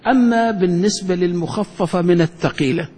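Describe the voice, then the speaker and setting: A man's voice: sits high, a little fast, mellow, breathy edge. A man, a sheikh teaching a grammar lesson who keeps quizzing his students with questions, in an echoing hall. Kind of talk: classroom lesson.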